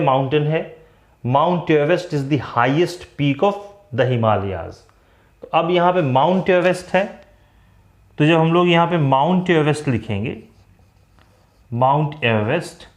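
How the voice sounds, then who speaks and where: A man with a Hindi accent teaching English grammar in a classroom-style lecture, mixing Hindi and English and slowing down to spell out the English example phrases. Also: a little high. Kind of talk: classroom lecture for exam students. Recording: echoey room.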